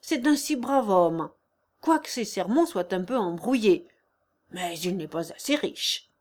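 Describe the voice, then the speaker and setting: A woman reading the part of a devoted, talkative old housekeeper in an audiobook, in a homely, gently fussy manner. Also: mid-range voice, animated, measured pace.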